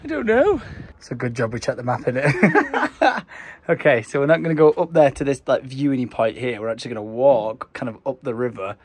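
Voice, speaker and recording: A man's voice: medium pitch, big pitch swings, moderate pace, a little hiss or hum. A young British man chatting casually as a travel vlogger, with a jokey, exclamatory, slangy way of talking. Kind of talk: casual travel vlog chat.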